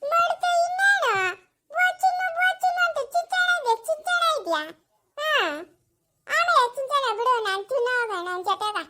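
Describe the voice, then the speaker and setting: Shrill bright woman playing a village gossip, teasing and scolding, family drama. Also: moderate pace.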